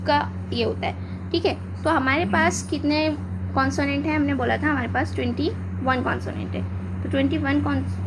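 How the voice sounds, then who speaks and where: A woman teaching a beginner English phonics lesson, spelling out letters and often checking whether it is clear. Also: high-pitched, steady tone, moderate pace. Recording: noticeable background noise.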